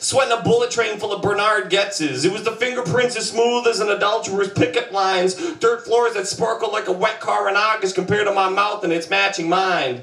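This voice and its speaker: On a small club stage backed by band equipment, a performance poet in his twenties delivers spoken word in a rhythmic, punchy style, stopping now and then for chatty asides. His voice is high and a bit bright. The audio, captured from a stand mic and filmed at the back of the room, has a distant, roomy live-club quality.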